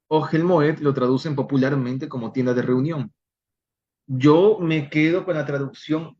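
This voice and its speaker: Male Bible teacher on a video call, slow and methodical, explains Hebrew terms, muffled lo-fi audio. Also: mid-range voice, a little mellow. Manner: slow, deliberate, spells out Hebrew words. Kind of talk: online Bible study lesson.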